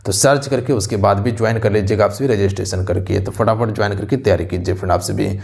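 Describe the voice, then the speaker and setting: A man's voice: fairly low pitch, steady tone, quick pace, gravelly, darkish tone. A man, an exam-prep teacher walking through a question paper, repeating himself and addressing viewers directly, on a close voice-over mic. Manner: repetitive, addresses viewers as "aap sabhi".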